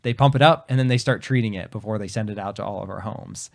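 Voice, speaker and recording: His voice is fairly low, with vocal fry, and only just coming back after he'd lost it. Co-hosting a podcast, he chats casually and talks fast, walking through explanations step by step amid lots of fillers and restarts.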